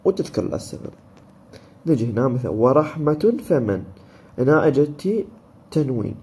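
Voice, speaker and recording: A man's voice: mid-range voice, very animated, normal speed, mellow. A man with an Iraqi Arabic accent teaching a recorded lesson on recitation rules, explaining step by step and answering his own questions.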